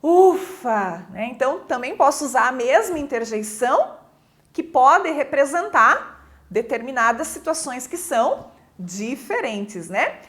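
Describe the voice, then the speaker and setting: A woman's voice: high voice, big pitch swings, measured pace, fairly bright tone. A woman teacher giving a recorded grammar lesson. She explains step by step, keeps checking in with her listeners, and acts out example interjections with shifting intonation.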